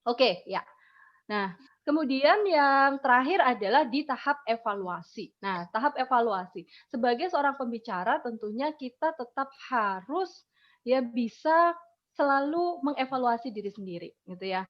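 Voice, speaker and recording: Lively woman teaching public speaking over a call. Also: sits high, moderate pace, lo-fi sound. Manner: lively, varied intonation with playful asides. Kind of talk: webinar talk on public speaking. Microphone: video call.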